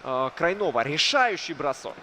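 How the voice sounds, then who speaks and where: Higher-voiced male hockey play-by-play commentator. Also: very animated, normal speed. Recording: crowd noise behind. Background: crowd noise.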